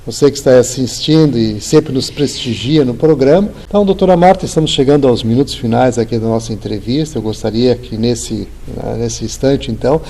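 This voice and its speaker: A man with a Brazilian Portuguese accent hosts a TV talk program and frames long, formal questions for his guest. His voice is dark and husky, and his phrasing is wordy, dotted with tag fillers. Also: mid-range voice, brisk. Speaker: TV program host interviewer. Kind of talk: formal interview hosting.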